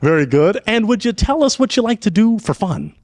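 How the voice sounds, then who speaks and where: A man runs a dating game show with a showman's patter, his pitch swinging high and low. He sounds close and dry, without room echo. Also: brisk. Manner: animated, showman emcee patter.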